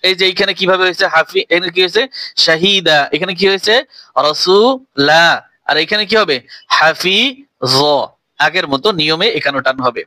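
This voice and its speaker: A man's voice: high voice, moderate pace, long pauses, sharp tone, dry recording. A man teaching Quran reading, spelling each syllable out letter by letter and then reciting the verse in a melodic chant.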